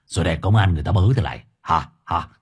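A man voicing a gruff, angry working-class father, barking at his son. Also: sits low, racing, pitched below the performer's own voice. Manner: barking, scolding.

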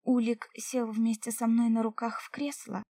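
Woman reading a fantasy audiobook, emotional and breathy at times, slightly high voice, dry close sound. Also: flat delivery, moderate pace, dark tone, no echo. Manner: emotional, dropping to whispers. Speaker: audiobook narrator. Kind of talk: first-person audiobook narration.

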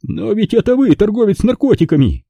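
A flustered, excitable male art dealer in a storybook reading , put on by a man, with a voice pushed well above the reader's own and a shrill, exclamatory delivery. The recording is close and dry. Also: normal speed, husky, dry recording, dull audio, heavily acted.

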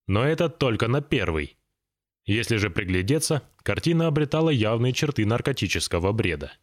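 A man narrating an audiobook in a measured, expressive reading. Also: medium pitch.

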